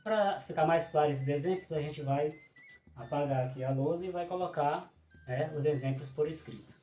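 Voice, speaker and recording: A man's voice: on the high side, dark tone. Patient male teacher. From Ceará, Brazil. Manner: patient, explanatory, stresses syllables slowly, frequent "né". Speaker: cordel poet teaching a workshop. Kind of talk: online lesson. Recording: roomy echo with faint music.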